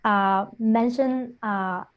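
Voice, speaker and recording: A middle-aged woman from Hong Kong, a guest lecturer, giving an online lecture over a video call in a measured way with frequent fillers. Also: on the high side, steady tone, muffled recording.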